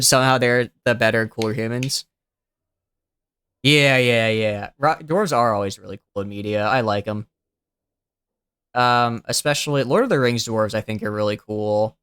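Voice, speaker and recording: Thinking out loud over casual gameplay, this young streamer rambles in a relaxed way, full of fillers and restarts, at a moderate pace broken by long pauses. His medium-pitched voice sounds smooth, clean, and youthful. It is miked close and dry, with no echo or room sound.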